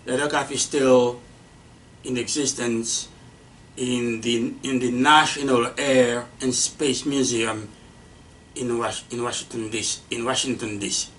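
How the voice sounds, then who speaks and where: A man lectures on early aviation, stopping often and restarting his sentences with plenty of fillers. He talks slowly at a middling pitch. The mic sits some distance away and picks up a faint hiss. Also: steady tone, a bit bright. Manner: halting, many fillers and restarts. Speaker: aviation instructor. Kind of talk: unscripted lecture.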